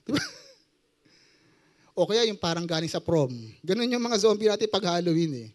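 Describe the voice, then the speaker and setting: A young adult man with a Filipino accent preaching a sermon, joking and quizzing his audience as he mixes Tagalog and English. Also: high voice.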